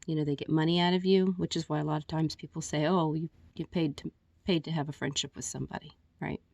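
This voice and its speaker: A woman's voice: low voice, fairly even intonation, quick pace, vocal fry, darkish tone, no echo. A woman recording a personal video message, a little out of breath, talking candidly and rambling with restarts and fillers. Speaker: vlogger.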